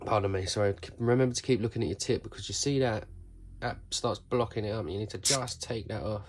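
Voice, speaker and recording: A sneaker customizer with a cold-stuffed nose rambles casually through a how-to tutorial, swearing now and then and correcting himself mid-sentence. He talks fast in a lowish voice, with a little hiss or hum in the recording.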